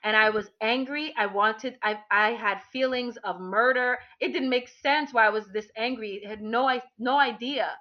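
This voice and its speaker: A woman's voice: on the high side, normal speed, few pauses. A woman candidly telling a personal story to her listeners, talking animatedly with many restarts and fillers. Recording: dull lo-fi recording.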